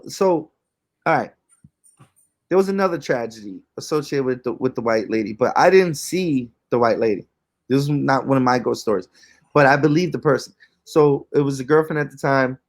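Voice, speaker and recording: Rambling young man telling ghost stories. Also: medium pitch. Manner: rambling, slangy, fillers like "um". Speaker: podcast co-host. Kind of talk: casual storytelling chat.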